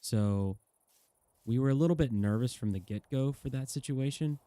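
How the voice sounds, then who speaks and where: A gaming YouTuber in his thirties talks over a game in a casual, rambling but earnest way, chatting with the viewer and teasing the in-game animals. His mid-range voice is mellow and moves at a moderate pace, with no room sound.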